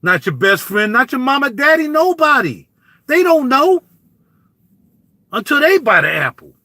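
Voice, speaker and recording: A man, riffing in animated, preachy street talk as a YouTube vlogger, recorded close to the mic. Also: very high-pitched, measured pace, dry recording. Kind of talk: casual spoken commentary.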